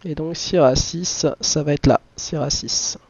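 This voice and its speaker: A man with a high voice commentates a flight simulator session as the pilot. He mutters to himself between radio calls. The sound is close and dry, slightly dull. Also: a little slow, gravelly, darkish tone, no room sound. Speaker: flight simulator streamer playing airline pilot. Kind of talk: live commentary mixed with aviation radio calls.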